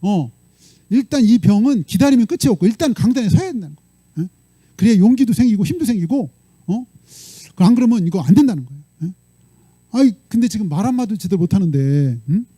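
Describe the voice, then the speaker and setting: Male pastor, high animated voice with dark husky tone, preaching a story. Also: quick pace, no room sound. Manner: animated, prods listeners with frequent "eh?". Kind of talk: sermon storytelling.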